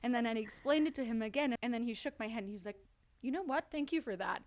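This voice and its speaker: A young adult woman co-hosting a comedy podcast, telling a story with lively, exaggerated quotes. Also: a little high, quick pace. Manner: animated, acts out quotes in an exaggerated voice. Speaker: podcast co-host.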